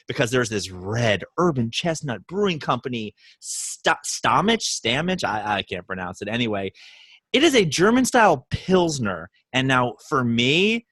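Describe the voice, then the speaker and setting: Animated man in his thirties. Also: mid-range voice, husky, no echo. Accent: Baltimore. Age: 30s. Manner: animated storytelling, rambling with restarts. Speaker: podcast co-host. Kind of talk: casual chat.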